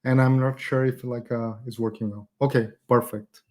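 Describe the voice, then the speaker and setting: A man's voice: medium pitch, little pitch movement, moderate pace, darkish tone. Chatty Brazilian-raised man hosting workshop. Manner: chatty, many fillers and "okay?" tags. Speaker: community event host teaching design. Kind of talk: casual live online workshop.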